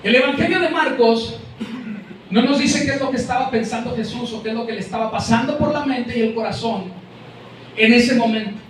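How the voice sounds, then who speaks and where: A male pastor with a Mexican Spanish accent preaches to his congregation in a very high voice. He speaks straight to the listeners and repeats words while searching for the next one. The voice comes from far off in a very echoey church room. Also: fairly quick, background noise. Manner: addresses the congregation directly, calling out names. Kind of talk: sermon. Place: church hall.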